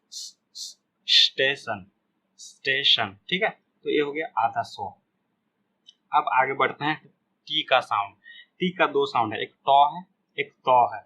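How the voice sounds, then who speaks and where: Guy teaching english basics real slow, says each word over and over, bright voice. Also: mid-range voice, slight background noise, poor audio. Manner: slow, repeats each example word several times. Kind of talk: spoken English lesson for beginners.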